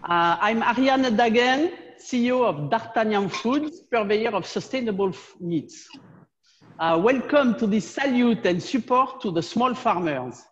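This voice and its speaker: A woman hosting a video fundraiser, giving halting opening remarks with many pauses and fillers. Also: a little high, expressive, long reverb tail, dull audio.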